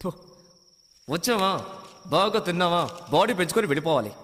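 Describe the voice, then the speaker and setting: A brash mocking jailbird. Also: male voice, high-pitched, animated, brisk, fairly bright tone. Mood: cocky. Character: cheeky brash young male jail inmate. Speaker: jail inmate. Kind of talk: dubbed film dialogue.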